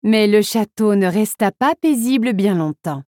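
A woman narrates a children's storybook with a very animated, melodic delivery. The recording is dry and close, with no room sound. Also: medium pitch, measured pace, dry recording.

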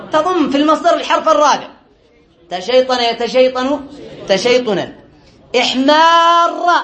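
In a classroom with a board, an Arabic grammar teacher with a very high-pitched, slightly bright voice goes over quiz answers. He's patient and light in touch, often asking whether everyone is following.

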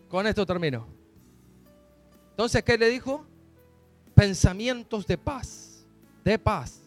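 A man preaching a fervent sermon as a pastor, his delivery building to shouted declarations. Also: high voice.

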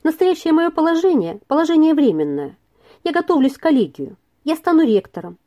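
A woman reading aloud and voicing a gentle young man who speaks earnestly and with trembling feeling. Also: high voice, sing-song, a little fast, dull audio, pitched above the performer's own voice. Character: gentle young male tutor in love.

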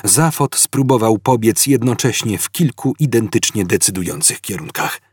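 A man narrating an audiobook in an expressive, dramatic reading style. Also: fairly low pitch, moderate pace, breathy edge, dry recording.

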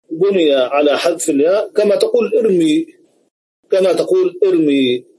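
A man giving a grammar lesson over an online video call, speaking deliberately and repeating each example several times. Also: a little high, warm tone, breathy edge, poor audio. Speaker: grammar teacher.

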